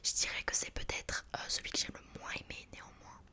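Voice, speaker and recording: A woman speaking in a soft, breathy library whisper, chatting informally in an ASMR book review style. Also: brisk.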